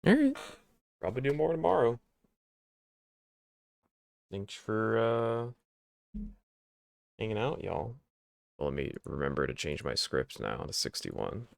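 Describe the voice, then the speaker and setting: A male game streamer talking casually in a creaky voice. He speaks slowly and informally, with lively swings of pitch, sounding dry and close. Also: no room sound. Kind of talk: casual live gameplay commentary.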